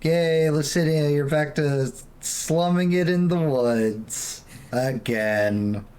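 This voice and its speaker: Man, game master, fairly high voice, casual tabletop narration and chat. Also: takes it slowly, darkish tone.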